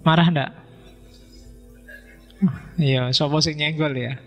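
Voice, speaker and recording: A man giving a relaxed, joking philosophy lecture and asking the audience questions. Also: on the high side, slow pace. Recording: reverberant hall with faint music.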